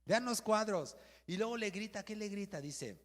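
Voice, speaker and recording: A man with a Mexican accent, a pastor giving a lively sermon and asking the congregation questions. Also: high-pitched, moderate pace. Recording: long hall reverb.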